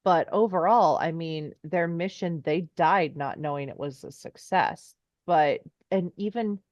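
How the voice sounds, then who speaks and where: A woman's voice: on the low side, no echo, highs cut off. A woman talking as a podcast guest in a casual chat, enthusiastic and rambling in long trailing asides.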